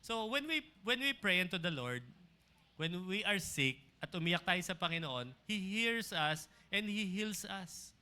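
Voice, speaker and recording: Bright high-voiced male pastor preaching. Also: lively intonation, a little slow, smooth. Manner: calls on the congregation for amens; mixes English phrases into his preaching. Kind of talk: sermon. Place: church service.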